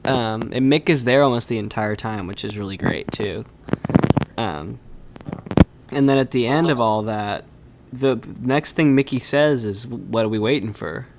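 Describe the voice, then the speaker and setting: A man's voice: mid-range voice, unhurried, noisy background. A man chatting casually on a stream, animatedly retelling film scenes and quoting characters' lines. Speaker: stream co-host. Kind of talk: casual chat recapping a film.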